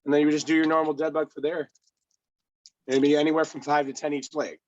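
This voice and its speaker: A man working as a personal trainer with a hoarse voice, coaching a client through exercises step by step with easy laughs. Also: fairly high pitch, little pitch movement, a little fast, dull audio. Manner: patient step-by-step instructions, laughs easily. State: hoarse, lost voice. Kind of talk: remote workout coaching.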